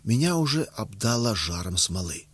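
Low husky male audiobook narrator. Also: very animated, normal speed, fairly bright tone, no room sound.

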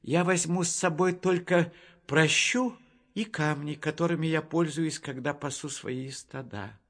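A man's voice: on the high side, unhurried, vocal fry, fairly bright tone, pitched above the performer's own voice, exaggerated voice. A man voicing a young, earnest shepherd hero in a storybook reading, speaking with resolve.

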